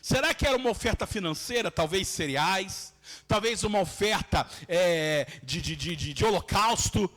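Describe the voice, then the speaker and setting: High-voiced fervent Brazilian pastor. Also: male voice, lively intonation, normal speed, a bit bright. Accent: Brazilian Portuguese. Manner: fervent, declaring prayer in a preaching cadence. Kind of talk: sermon and fervent prayer.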